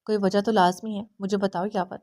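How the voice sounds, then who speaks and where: A woman's voice: mid-range voice, flat delivery, warm tone, natural voice. A woman voicing a proud, jealous young woman who speaks in a sarcastic, needling way in an audiobook reading. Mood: sarcastic probing.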